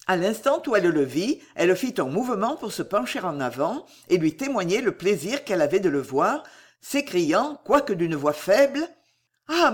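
A male audiobook narrator reading a novel aloud. His voice sits high for a man and swings through a very lively melody. The reading is expressive and dramatic throughout. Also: breathy edge.

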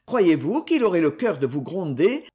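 A reader voicing a gentle, devout boy servant who soothes and reassures in an audiobook. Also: medium pitch, very animated, normal speed, lightly acted. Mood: reassuring. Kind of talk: audiobook character reading.

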